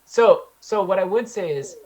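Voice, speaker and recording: A man's voice: high-pitched, animated, moderate pace, a little mellow. A young Californian man running a tabletop game as dungeon master, loose and hesitant with plenty of ums and uhs. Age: young adult.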